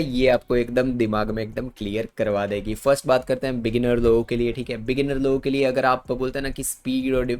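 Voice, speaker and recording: A man with an Indian accent explaining badminton racket choice over slides in casual Hindi, repeating words for emphasis. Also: mid-range voice. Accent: Indian Hindi with English terms. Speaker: badminton coach.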